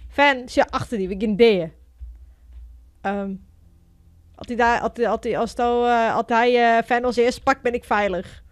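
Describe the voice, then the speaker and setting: A woman's voice: fairly high pitch, fairly even intonation, a little slow, pauses often, no echo. A woman with a Frisian accent chatting casually to viewers while she plays a video game, exclaiming at what happens on screen. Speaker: gaming video host. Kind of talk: casual gameplay commentary.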